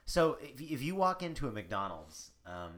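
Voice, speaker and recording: A man co-hosting a podcast in casual chat, rambling and halting as he repeats words. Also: medium pitch, very animated, crowd noise. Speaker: podcast co-host.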